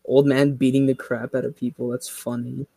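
A man in a casual podcast chat, dropping deadpan one-line quips. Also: mid-range voice, normal speed, creaky, no echo.

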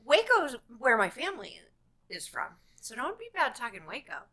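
A woman's voice: high-pitched, huge pitch swings, moderate pace, sharp tone. A woman from Colorado co-hosting a casual chat, agreeable and playful, laughing easily. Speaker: podcast co-host.

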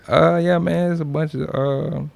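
Being interviewed as a music artist, this young man keeps it casual and slangy, throwing in frequent check-in phrases. He speaks at a moderate pace in a higher voice with fairly even intonation and some vocal fry.

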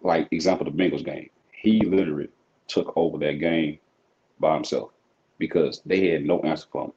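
Very deep-voiced calm man, football coach. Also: moderate pace. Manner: calm, smooth, low-key analysis. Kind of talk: casual sports podcast interview. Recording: slightly dull lo-fi sound.

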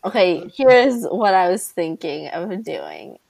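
A woman co-hosting a casual live stream, excitable and laughing easily. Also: on the low side, slow, creaky, a little hiss or hum. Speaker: streamer co-host. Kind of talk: casual chat.

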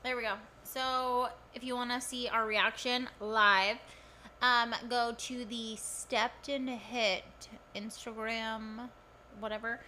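High-voiced, blunt woman chatting casually. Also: fairly even intonation, slow pace, bright, forceful tone, slight background noise. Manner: blunt, informal. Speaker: podcast co-host. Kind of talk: casual profane banter.

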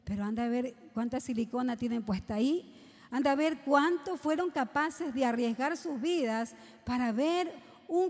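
Woman preacher, high voice, rhetorical questions, long hall reverb. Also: a little mellow. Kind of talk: sermon to young people.

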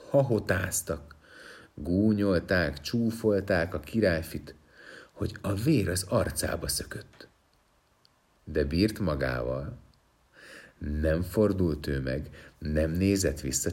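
A man reading a fairy tale aloud with expressive, dramatic storytelling. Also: sits low.

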